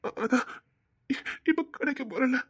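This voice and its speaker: A man with a Tirunelveli Tamil accent playing an older man on duty, a gruff yet tender lover who stammers. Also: very high-pitched, lively intonation, measured pace, a bit bright, heavily acted. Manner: stammers, turns from cold to tender. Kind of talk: romantic short-drama acting.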